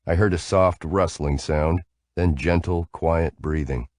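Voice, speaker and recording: Deep-voiced male audiobook narrator. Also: fairly even intonation, measured pace, darkish tone, no room sound, clean studio sound. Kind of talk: first-person audiobook narration.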